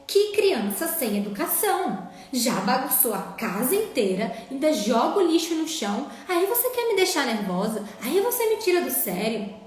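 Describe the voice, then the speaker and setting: A woman's voice: high voice, big pitch swings, moderate pace, darkish tone, a little hiss or hum, voice pushed up. A woman voicing an exasperated parent who blames her child, with accusing outbursts. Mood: scolding. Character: scolding, blaming woman parent. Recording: very echoey room, faint music.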